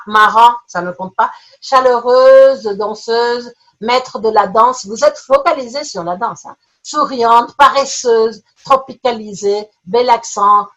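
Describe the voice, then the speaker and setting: Husky woman leading a playful webinar. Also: on the high side, low-quality recording. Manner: reads chat answers aloud in quick lists, playful and animated. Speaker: teacher trainer running a webinar game. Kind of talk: online webinar demonstration. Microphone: computer mic on a video call.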